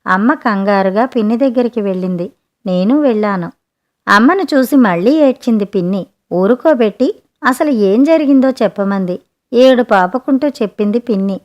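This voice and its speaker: A woman narrating a written short story in a gentle, expressive audiobook manner. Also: mid-range voice, fairly quick, lo-fi sound.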